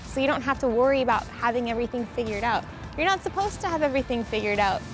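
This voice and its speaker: A woman's voice: fairly high pitch, fast talker, music in the background. A young adult woman, a stunt performer, speaking casually and loosely with frequent fillers. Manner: relaxed, chatty, frequent "like". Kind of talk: casual interview.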